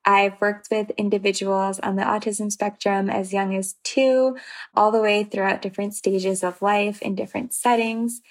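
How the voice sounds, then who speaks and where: A woman's voice: medium pitch, little pitch movement, moderate pace. A woman from New York, a transition specialist, introducing herself in an upbeat way.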